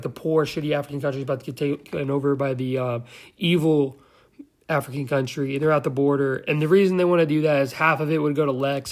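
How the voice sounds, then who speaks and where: A man giving a loose, slangy, profane recap of a movie, now and then losing track of names. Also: fairly high pitch. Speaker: movie reviewer.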